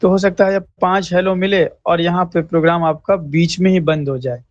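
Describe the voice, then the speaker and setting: A man teaching a programming lesson, who speaks slowly and repeats points, often checks in with listeners and mixes English terms into his Hindi. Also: sits high, steady tone, dry recording. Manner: slow, repetitive, checks in with "thik hai" often; clears throat now and then. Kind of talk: screen-recorded coding lesson. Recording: dry, slightly dull mic.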